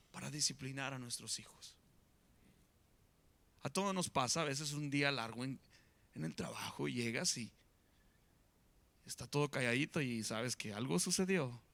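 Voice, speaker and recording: High bright-voiced male pastor. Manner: animated preaching, swings between loud and soft. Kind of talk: sermon.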